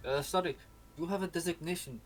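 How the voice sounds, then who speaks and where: A man's voice: on the high side, a little hiss or hum, voice pushed up, lightly acted. A man doing a stiff German-accented soldier. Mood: formal. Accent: put-on German. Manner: halting, formal report with many pauses.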